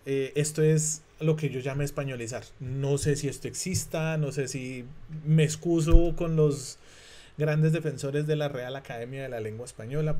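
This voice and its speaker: Man, native Spanish speaker, casual online lesson, many fillers and restarts. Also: fairly high pitch. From Latin America. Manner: relaxed, chatty, thinks aloud with many fillers and restarts. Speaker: English exam tutor.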